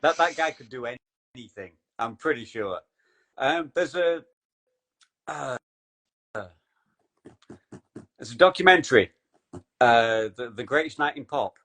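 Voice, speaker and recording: A man hosting a podcast in casual chat, animated and swearing when excited. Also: medium pitch, a little slow, long pauses. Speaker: podcast host.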